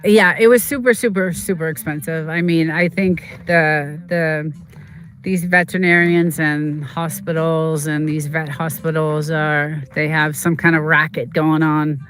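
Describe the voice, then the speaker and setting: A vlogger in casual, rambling chat, repeating words and filling pauses, and turning emotional when recalling a pet's injury. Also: mid-range voice, little pitch movement, a bit bright. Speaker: vlogger telling a personal story.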